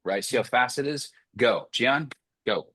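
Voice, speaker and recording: A man's voice: mid-range voice, measured pace, sharp tone. A man coaching sales closers on a group video call, blunt and profane, firing off short commands.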